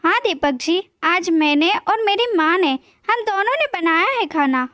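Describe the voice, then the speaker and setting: Spoiled young bride, whiny and petulant, voiced by a woman narrator, very high-pitched. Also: animated, measured pace, sharp tone, dry recording, studio quality, heavily acted. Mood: sweet.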